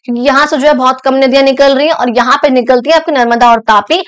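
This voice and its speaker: A woman's voice: sits high, steady tone, quick pace, clean tone. A young woman teacher explaining a school geography lesson in a chatty way, often stopping to check that the students follow. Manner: chatty, repeats and checks understanding.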